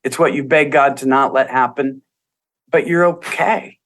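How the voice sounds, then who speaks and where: A man's voice: mid-range voice, fairly even intonation, a little slow, a bit bright. A man, a guest on a podcast, earnestly telling stories about couples and acting out what they said. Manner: earnest storytelling, acts out quoted voices. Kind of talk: casual interview talk.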